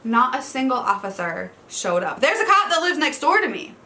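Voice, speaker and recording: A woman's voice: high voice, sing-song, normal speed, pushed and bright. A woman, chatting casually about books for a vlog, laughing and swearing. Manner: chatty, swears, says y'all, laughs often. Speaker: book vlogger. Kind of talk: casual book tag chat.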